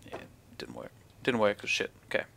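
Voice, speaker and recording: A man's voice: brisk, sharp tone. A young man with a broad New Zealand accent, thinking aloud casually as he commentates on his gameplay, laid-back and slangy with mumbled asides. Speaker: gaming video creator. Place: indoor room at home.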